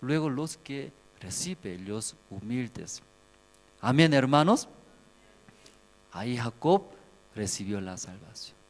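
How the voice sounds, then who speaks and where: A male missionary pastor preaching at a Bible seminar, with slow, simple phrasing and many rhetorical questions to the audience. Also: mid-range voice, sing-song. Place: Bible seminar hall in a cold city. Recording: long hall reverb.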